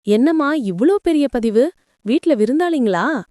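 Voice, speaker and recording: A woman's voice: mid-range voice, a little slow, a little mellow, clear, resonant tone, no room sound, clean studio sound, natural voice. A woman voicing a tired, polite young male delivery rider who speaks earnestly and a little hesitantly.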